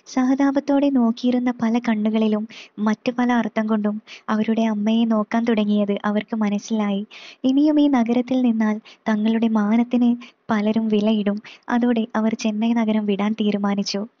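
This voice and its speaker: A woman reading a story aloud in a steady, plain way. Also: fairly high pitch, dry recording, dull audio.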